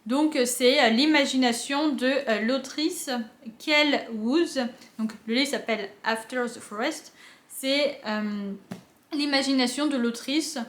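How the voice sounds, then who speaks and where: A woman's voice: high-pitched, takes it slowly. Chatty young woman in an echoey room. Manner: chatty, many fillers and restarts. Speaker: book vlogger. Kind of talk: casual vlog chat. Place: home, on her couch. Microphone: camera on a tripod.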